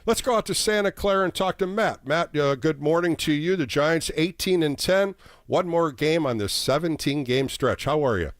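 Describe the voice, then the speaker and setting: A man's voice: a little high, expressive, normal speed, no room sound, studio quality. A man hosting a live sports call-in show, talking casually and addressing callers by name. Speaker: sports radio call-in host.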